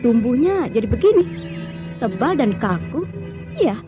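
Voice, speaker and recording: A woman's voice: a little high, sing-song, measured pace, dull audio, music in the background. An actress playing a stubborn, wounded young woman warrior, impatient and bantering, in an old radio drama recording. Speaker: Tri Andiani, a radio drama character.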